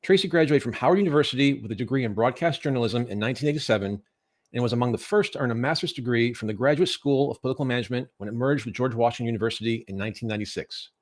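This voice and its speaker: A man hosting an interview show, introducing his guest in a brisk, upbeat way. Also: medium pitch. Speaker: host.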